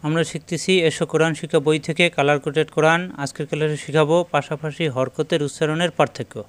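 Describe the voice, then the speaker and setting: A man's voice: a little high, level tone, fast talker. Patient man teaching. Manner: patient, repeats sounds many times for drilling. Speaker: Quran recitation teacher. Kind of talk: step-by-step pronunciation lesson.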